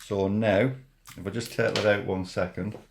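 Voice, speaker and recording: Low-voiced man demonstrating a product. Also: fairly even intonation, gravelly, slight background noise. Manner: informal, halting, repeats himself while demonstrating. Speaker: product reviewer. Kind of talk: casual hands-on product demonstration.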